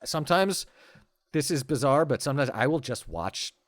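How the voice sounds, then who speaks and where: A man's voice: mid-range voice, lively intonation, normal speed, no room sound, clean studio sound. A man in his forties, a podcast guest, talking with enthusiasm and many stammering restarts in casual conversation.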